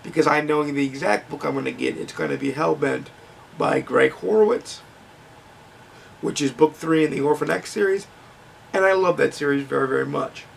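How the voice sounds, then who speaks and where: A man's voice: a little high, normal speed, creaky, recorded from a distance, a little hiss or hum. A man giving a frank, conversational book review with ums and restarts, his voice starting to crack.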